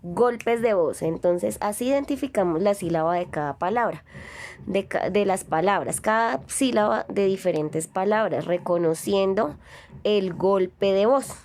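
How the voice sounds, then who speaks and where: A woman teaches children in a recorded lesson. She speaks slowly and patiently and draws words out syllable by syllable. Her voice sits at an ordinary middle pitch. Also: a little mellow, a little hiss or hum. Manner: slow, patient, stretches out syllables to demonstrate.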